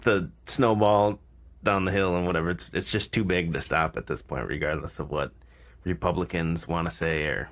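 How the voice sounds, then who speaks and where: A man with a low voice that sits in vocal fry. He co-hosts a casual podcast and rambles through his opinions, often circling back over his phrases. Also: a bit bright. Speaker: podcast co-host.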